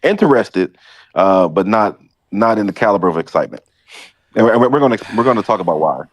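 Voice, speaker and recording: A man co-hosting a gaming stream while sick, his voice deep and sultry from a sore throat, laid back and saving his voice. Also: lively intonation, fairly quick, no echo. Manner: laid-back, talks sparingly. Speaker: co-host. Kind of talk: casual chat.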